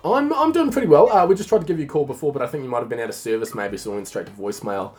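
Male podcast host, Australian accent, blokey and jokey casual chat, mid-pitched, faint music underneath. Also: expressive, rapid-fire, darkish tone.

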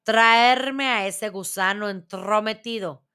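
A woman storyteller voicing a cruel, commanding grand witch who barks shrill orders in a storybook reading. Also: slow pace, bright, forceful tone, clear, resonant tone. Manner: shrill, barking orders at her followers.

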